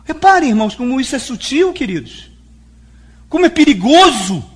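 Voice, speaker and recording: A man with a Brazilian Portuguese accent preaches a sermon as a pastor, addressing his congregation emphatically. His husky voice is extremely high and sing-song, moving at a moderate pace, and he acts out quoted dialogue as he speaks.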